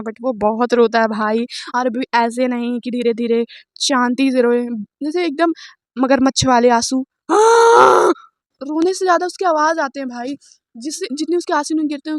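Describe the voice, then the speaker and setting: A woman's voice: a little high, a little mellow, dry recording. A young woman telling a storytime vlog in a casual, chatty way, laughing often and mixing in English words. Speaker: vlogger.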